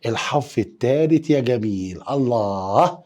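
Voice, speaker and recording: A man with an Egyptian Arabic accent teaching a lively lesson, playfully coaxing students to repeat letters after him. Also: medium pitch, normal speed. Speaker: German teacher.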